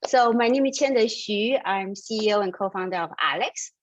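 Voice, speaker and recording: A middle-aged woman, a startup founder from Taiwan who grew up in Austria, answers interview questions at medium pitch and normal speed. She's earnest and enthusiastic, using lots of fillers and laughing now and then, on a low-quality recording.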